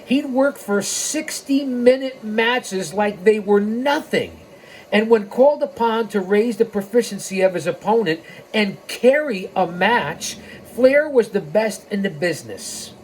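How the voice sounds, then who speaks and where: This high-pitched, expressive voice belongs to a sixty-something American podcast host who speaks a little slowly with a slightly mellow tone. Between passages he reads, he launches into emphatic, wandering asides and speaks straight to his audience. A little hiss or hum marks the poor recording.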